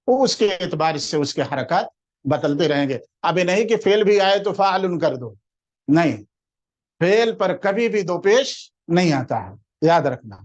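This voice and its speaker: A man teaching a classroom grammar lesson, explaining patiently, quizzing his listeners with questions and slowing down to spell out example words. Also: high-pitched, expressive, darkish tone, dull audio.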